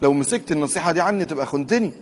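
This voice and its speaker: Egyptian male preacher, rapid and lively, quizzing the congregation; slightly high pitch. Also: a little hiss or hum. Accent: Egyptian Arabic. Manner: lively, quizzes the audience with questions. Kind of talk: colloquial sermon.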